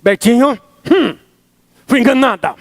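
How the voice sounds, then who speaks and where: A man's voice: very high-pitched, measured pace, slight background noise, voice pushed up. A man with a Brazilian accent voicing his folksy middle-aged mother, who talks in a homespun, chatty way. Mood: upset. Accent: Brazilian Portuguese.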